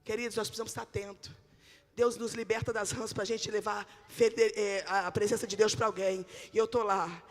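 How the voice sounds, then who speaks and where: A woman pastor preaching a sermon, moving between shouted exhortation and lively personal storytelling. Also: mid-range voice, a little fast. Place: church sanctuary. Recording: long reverb of a church hall.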